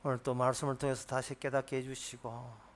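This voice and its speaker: A male pastor leading his congregation in an earnest, hushed prayer that trails off at the ends of phrases during a church service. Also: medium pitch, level tone, fairly quick.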